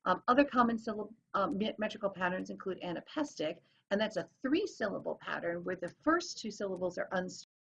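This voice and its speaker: A woman's voice: medium pitch, animated, a little fast, vocal fry, breathy edge. A woman teacher explaining things in a recorded lesson, sounding out rhythms as she goes. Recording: dull lo-fi recording.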